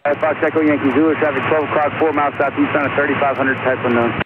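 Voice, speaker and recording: A man working as an air traffic controller, giving brisk clipped clearances over a crackly two-way radio. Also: fairly high pitch, level tone. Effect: heard over a crackly two-way aviation radio. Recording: tinny radio channel with loud static.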